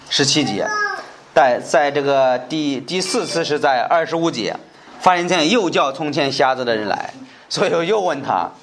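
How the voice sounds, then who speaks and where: A man's voice: medium pitch, a bit bright. A male preacher expounding a Bible passage, repeating himself with many fillers and frequent rhetorical questions.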